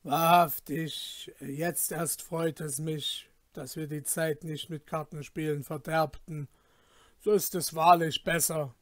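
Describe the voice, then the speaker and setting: A man doing a slow, hearty carter. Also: fairly high pitch, flat delivery, dry recording, clean studio sound. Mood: pleased. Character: plain-spoken male carter, pleased.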